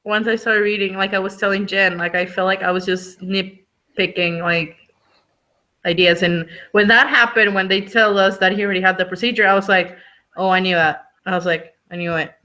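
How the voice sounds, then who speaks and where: A woman's voice: medium pitch, fairly even intonation, moderate pace, pushed and bright. A woman hosting a live online book discussion, chatting casually and rambling with lots of "like.". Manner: chatty, rambling, says "like" a lot. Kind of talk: casual chat.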